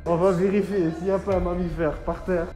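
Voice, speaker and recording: A man's voice: high voice, little pitch movement, fast talker, mellow. A man chatting casually during a real-life game in French suburban street slang. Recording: echoey indoors with music behind.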